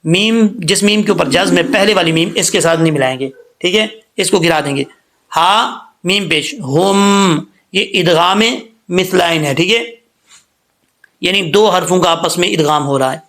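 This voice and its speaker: A man teaching Quran recitation rules, spelling words letter by letter and chanting verses slowly, often checking that listeners follow. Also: high voice, fairly bright tone. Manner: slow, drawn-out chanting when reciting, patient explaining; checks understanding with repeated questions.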